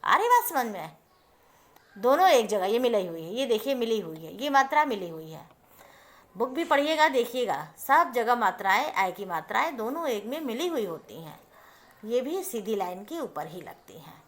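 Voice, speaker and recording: A woman's voice: on the high side, big pitch swings, moderate pace, fairly bright tone. A woman teacher giving a step-by-step lesson to young children, patiently explaining and often asking whether they understand.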